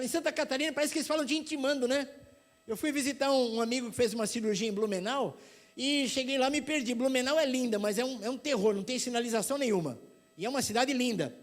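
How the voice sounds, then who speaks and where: A middle-aged man with a São Paulo accent preaching a sermon, telling lively stories and acting out other people's voices. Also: very high voice. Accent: paulista. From São Paulo, Brazil. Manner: animated storytelling, acts out voices.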